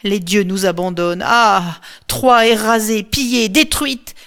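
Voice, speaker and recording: A woman voicing a desperate young Trojan prophetess who cries out high and pleading. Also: expressive, moderate pace, natural voice. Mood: frantic.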